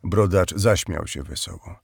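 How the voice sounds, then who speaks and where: A man narrates an audiobook with calm, measured delivery. His voice sits low, and the close microphone gives a dry sound with no room around it. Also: vocal fry, husky, dry recording.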